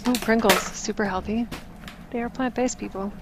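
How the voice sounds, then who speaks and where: A woman's voice: on the high side, steady tone, normal speed, heavy background noise. A woman vlogger giving a casual, self-mocking voice-over for a boat tour.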